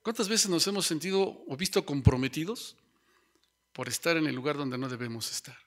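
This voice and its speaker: A man's voice: on the high side, a little fast, fairly bright tone. A man preaching a Bible sermon who speaks to his listeners as brothers and keeps tagging his lines with rhetorical questions.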